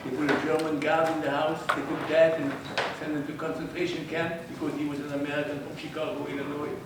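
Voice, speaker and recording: Speaking fast in a fairly high, flat voice, an older man from Belgium shares what he witnessed during the war, his Dutch-French Belgian accent carrying emphatic, wry humor for the audience. It's recorded from a distance in an echoey room, with noticeable noise.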